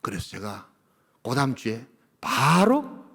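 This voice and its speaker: A man in his fifties from the Gyeongsang region, a senior pastor preaching a sermon. He tells stories and swings between loud, emphatic lines and hushed near-whispers. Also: mid-range voice, wildly swooping pitch, slow, breathy edge. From Gyeongsang region of Korea.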